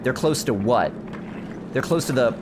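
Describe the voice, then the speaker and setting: Over a noisy background, a young man streaming a survival game gives casual commentary in an expressive, medium-pitched voice at normal speed. He wanders through stories and replies to his chat.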